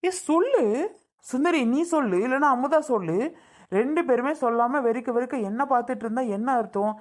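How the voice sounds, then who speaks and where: Woman acting as an older brother, fairly high voice, pleading and insistent, family skit. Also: quick pace, natural voice. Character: worried older brother questioning his family.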